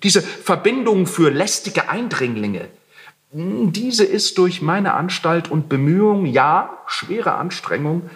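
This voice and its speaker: A man's voice: high voice, big pitch swings, slow pace, fairly bright tone, voice pushed up, full character voice. A man doing a young tenant, mock-courteous and sly. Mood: ironic. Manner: exaggeratedly courteous, ironic. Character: young male tenant, politely mocking, evasive. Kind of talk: literary reading.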